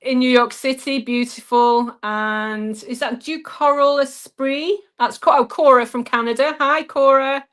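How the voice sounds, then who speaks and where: A woman's voice: sits high, fairly even intonation, measured pace, hardly any pauses, a bit bright, clear, resonant tone. Brief: woman, northern English Lancashire accent, live-stream host, reads viewer comments, casual and upbeat. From northwest England.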